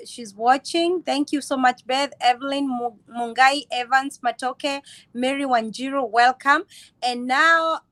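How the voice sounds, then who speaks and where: Lady hosting a live stream, high voice, lots of little yes and mm, dry close mic. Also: unhurried, no room sound. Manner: warm greetings, frequent brief affirmations. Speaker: host. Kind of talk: casual live-stream chat.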